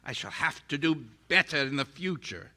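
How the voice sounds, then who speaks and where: An actor playing a ruthless, megalomaniac scientist turned tyrant in audio theater, grandiose and menacing. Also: male voice, on the high side, animated, normal speed, bright, forceful tone, exaggerated voice. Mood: cold, menacing. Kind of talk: live audio theater performance.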